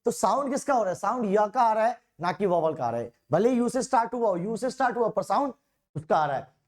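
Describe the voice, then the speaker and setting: A man's voice: high-pitched, expressive. Male teacher, casual and self-correcting. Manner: reads example sentences slowly, often corrects himself mid-sentence; informal, repeatedly calls students "bhaiya". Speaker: online exam-prep teacher. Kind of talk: explanatory grammar lesson.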